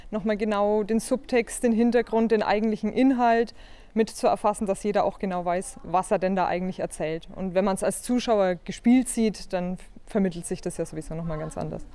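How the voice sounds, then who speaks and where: A woman gives an explanatory interview as a theatre actress. Her voice is mellow, clear and evenly mid-pitched. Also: brisk. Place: outdoors in a leafy courtyard.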